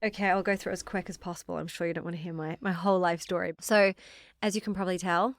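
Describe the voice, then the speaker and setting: A young woman from New Zealand with a New Zealand accent, chatting as an interview guest about her career in a quick, self-deprecating way. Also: lowish voice, steady tone, no room sound. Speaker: guest, fashion founder. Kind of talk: casual interview storytelling.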